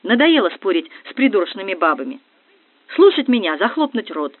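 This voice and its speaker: Hot-tempered stout colonel, put on by an audiobook reader, bellowing commands, high and loud, tinny dry audio. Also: sing-song, brisk, dry recording. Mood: shouting. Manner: barking orders.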